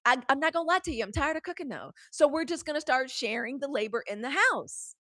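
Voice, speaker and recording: A woman in her forties hosting a live news stream, chatting straight to her viewers in a lively, candid way. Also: sits high, fast, dry recording, clean studio sound. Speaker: host of a live news show. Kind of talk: casual live-stream commentary.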